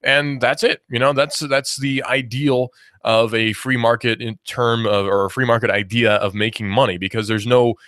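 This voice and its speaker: An American man in his twenties hosts a talk radio show, delivering a casual monologue in a medium-pitched, steady, slightly bright voice at a moderate pace. He rambles through his opinions with fillers and restarts. The audio is studio quality, with no room sound.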